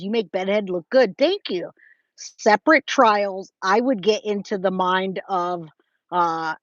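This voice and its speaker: This American true crime livestreamer, in her forties and from California, answers viewer comments in a mid-range voice. She's casual and emphatic, repeats herself for effect, and calls her audience guys, babe, or my love. The recording is dry and lo-fi.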